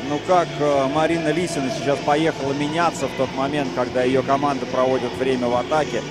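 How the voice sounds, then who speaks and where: A man's voice: medium pitch, level tone, fairly quick, over loud music. A man working as a hockey commentator in live sports commentary.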